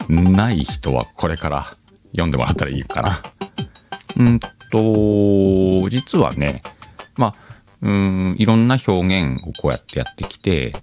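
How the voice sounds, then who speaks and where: A man with a deep, slightly mellow voice hosts his own audio channel, chatting casually and thinking aloud for his listeners. It's a relaxed solo radio-style talk with faint music behind him.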